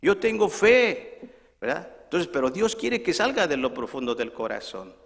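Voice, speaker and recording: Male minister, fairly high voice, sermon with acted-out voices, long hall reverb. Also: very animated, moderate pace, gravelly, a bit bright. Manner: retells the story acting out voices, with frequent asides.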